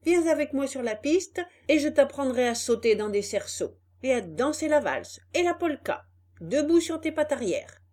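A woman voicing a gruff, angry male circus director who shouts and scolds. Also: sits high, big pitch swings, slow, pitched above the performer's own voice, heavily acted. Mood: bossy.

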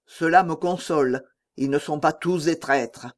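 Proud king rallying his men , as a guy reads it, a bit higher and louder. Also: unhurried, lightly acted. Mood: relieved. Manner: exalted, rallying calls.

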